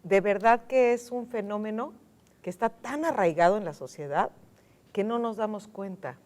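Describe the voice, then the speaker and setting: A Mexican woman speaking as a guest on a studio panel, emphatic, repeating key words and slowing down to stress them. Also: mid-range voice, darkish tone. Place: television studio.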